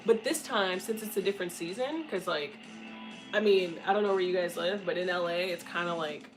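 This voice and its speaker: A woman's voice: fairly low pitch, brisk, over music, poor audio. A young woman chatting casually with her stream viewers, candid and swearing freely, with frequent giggles. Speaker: streamer answering viewer chat. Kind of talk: casual livestream chat.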